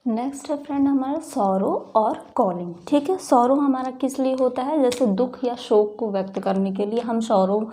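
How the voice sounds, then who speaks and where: Mellow Indian woman teaching grammar. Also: a little high, moderate pace, few pauses. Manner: explains each example, often asking and answering her own questions. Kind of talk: bilingual grammar lesson.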